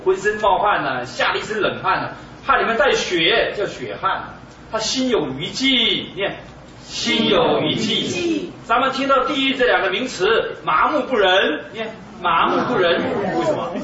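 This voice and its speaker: High bright-voiced man preaching in an echoey hall. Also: a little hiss or hum. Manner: emphatic, exclamatory, peppered with rhetorical questions. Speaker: Buddhist lecturer. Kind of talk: Buddhist sermon. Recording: echoey, distant, dull room recording.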